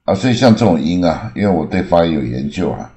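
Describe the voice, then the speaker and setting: An older man with an extremely low, dark voice. He explains English words patiently, stretching out example words and dropping in many filler sounds. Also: expressive. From Taiwan. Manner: frequent "啊" fillers, slow drawn-out demonstrations. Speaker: English teacher. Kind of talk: explanatory lesson, Mandarin mixed with English examples.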